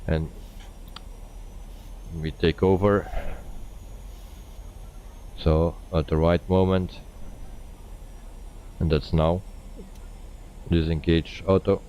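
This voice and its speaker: Very deep, slow, mellow male streamer. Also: level tone, slight background noise. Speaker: flight simulator streamer. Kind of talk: casual live-stream commentary.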